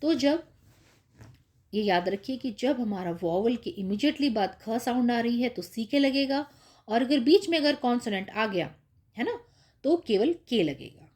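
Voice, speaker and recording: Woman teacher, unhurried, a touch high; patient, repetitive spelling lesson for small children. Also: animated, a little mellow. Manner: patient, repeats with "ठीक है" and "है ना" checks. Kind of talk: explaining spelling rules to young kids.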